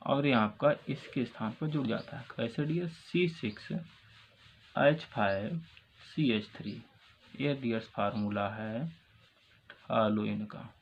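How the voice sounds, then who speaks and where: A man with a North Indian Hindi accent teaches a chemistry lesson step by step. He asks a question, then answers it himself, and his voice sits at an ordinary middle pitch. The recording is dull and lo-fi, with faint room ambience behind him. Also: slow, long pauses, a little hiss or hum. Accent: Hindi-speaking North Indian. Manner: repeats questions and answers, calls students "dears". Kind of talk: classroom lecture.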